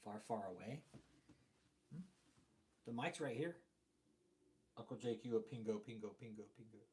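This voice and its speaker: A man's voice: mid-range voice, normal speed, a little hiss or hum. A blunt, profane man hosting a live stream, his voice hollow and distant as if through a tube from a loose mic. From Texas. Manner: blunt, profane, greets chat viewers by name. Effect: sounds like he is talking through a tube, quiet and far off. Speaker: livestream host. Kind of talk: casual live stream commentary. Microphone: desk mic with a loose plug.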